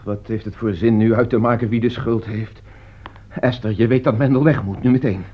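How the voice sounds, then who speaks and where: A grave, weary middle-aged doctor, played by a man, weighs every word in a mid-pitched voice. The radio play recording sounds dull and lo-fi. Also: fairly even intonation, moderate pace, slight background noise, lightly acted. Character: worried middle-aged male doctor, head of family. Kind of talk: radio drama acting.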